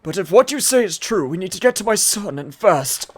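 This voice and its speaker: A man's voice: sits high, expressive, a little fast, voice pushed up. A man voicing a stubborn, anxious elderly father in video game dialogue, urgent and pleading. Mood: anxious, determined. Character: spry, anxious, stubborn old Japanese father. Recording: music behind the voice.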